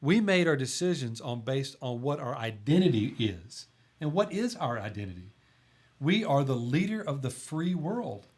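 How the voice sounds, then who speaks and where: A man's voice: mid-range voice, very animated, moderate pace, darkish tone. A middle-aged man, a volunteer chaplain talking earnestly on a podcast, emphatic and often restarting his sentences. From Tennessee. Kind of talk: conversational podcast talk.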